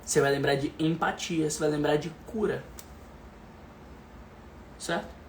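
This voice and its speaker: A man giving a motivational lesson, emphatic and repetitive, often dropping to a soft, calm voice. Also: on the high side, measured pace, a little hiss or hum. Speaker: leadership and speaking coach.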